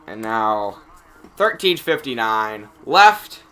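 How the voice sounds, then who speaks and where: A man calling a hockey game casually, play by play, getting excited on big plays and chatting in asides with filler words. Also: fairly low pitch, slow. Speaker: amateur play-by-play commentator. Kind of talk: casual live game commentary.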